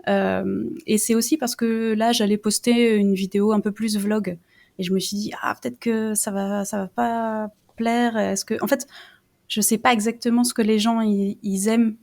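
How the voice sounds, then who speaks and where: A woman's voice: mid-range voice, little pitch movement, normal speed, creaky, a little mellow. A woman from France, a guest on a podcast, talking casually with a lot of hesitation, fillers and restarts. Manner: hesitant, many fillers and restarts, self-deprecating. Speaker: guest YouTuber.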